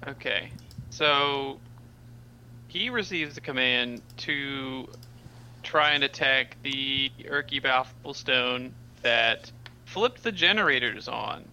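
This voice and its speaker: A man playing a tabletop game, speaking in a drawn-out, amused way. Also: mid-range voice, animated, bright, forceful tone, a little hiss or hum, low-quality recording. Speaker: player. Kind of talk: casual tabletop play.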